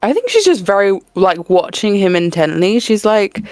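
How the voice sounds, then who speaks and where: A woman's voice: medium pitch, very animated, normal speed, darkish tone, no room sound, soft background music. A woman casually describing her character's actions as a player in a tabletop game. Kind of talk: casual, giggly character narration.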